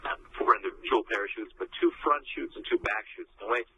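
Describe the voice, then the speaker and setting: A man's voice: on the low side, fast talker, fairly bright tone, slightly rough, poor audio. A man speaking as an interview guest, explaining conversationally with emphasis on details.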